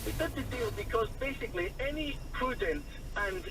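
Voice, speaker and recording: Indignant high-pitched male radio show caller, noisy line. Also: expressive, normal speed, far from the mic. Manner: indignant, combative, talks over the host. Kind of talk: heated political phone-in argument.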